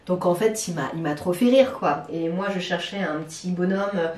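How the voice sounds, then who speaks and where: A woman's voice: lowish voice, moderate pace, a little mellow. A woman from France chatting casually to camera about her houseplants, hesitant, with many fillers and restarts, recorded at home in her living room. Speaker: plant vlogger. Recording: roomy, from a distance.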